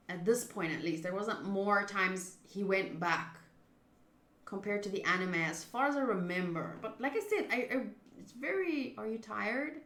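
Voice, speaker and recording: Her medium-pitched voice bright and expressive, a streamer reads a visual novel aloud, alternating steady narration with loud reactions and offhand remarks. A clear echo comes from the room.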